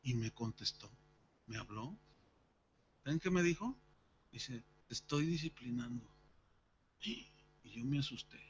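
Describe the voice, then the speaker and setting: A man's voice: mid-range voice, unhurried, long pauses, muffled recording, a little hiss or hum. A man preaching at a church service, telling a personal story and acting out its dialogue. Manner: animated, acts out the dialogue of his story. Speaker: pastor.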